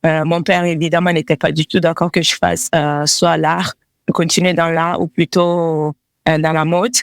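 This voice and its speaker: A woman's voice: low voice, little pitch movement, normal speed, dry recording, studio quality. A woman from Togo, a fashion designer, answering interview questions in a hesitant, casual way with many fillers. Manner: laughs between answers.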